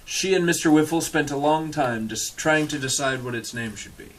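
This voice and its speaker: A storyteller reads a picture book aloud to an audience, his voice on the high side and at normal speed. He adds casual asides in a dry, irreverent way, sometimes swearing, and the audio is poor with slight background noise.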